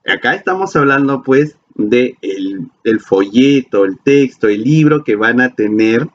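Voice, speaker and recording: A man's voice: medium pitch, expressive, a little slow. Playful man teaching a lesson. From Peru. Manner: playful, asks questions and answers them himself. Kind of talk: classroom lecture video. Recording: slightly dull lo-fi sound with faint ambience.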